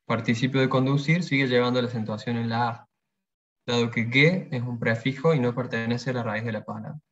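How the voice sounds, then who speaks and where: A man's voice: medium pitch, fairly even intonation, a bit bright. Patient man teaching pronunciation. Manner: patient, explanatory, pauses to repeat example words. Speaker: language workshop teacher. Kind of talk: explaining pronunciation in a workshop. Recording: dull lo-fi sound.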